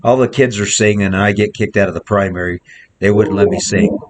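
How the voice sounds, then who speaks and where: A man's voice: on the low side, fairly even intonation, fairly quick. A male horse trainer gives plainspoken commentary while working a horse outdoors in the snow, repeating short coaching phrases. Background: wind.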